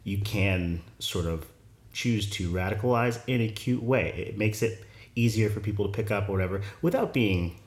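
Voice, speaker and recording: A man hosting a podcast, playful and animated, quick to react with surprise. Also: on the low side, echoey room. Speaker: podcast co-host. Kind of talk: casual chat.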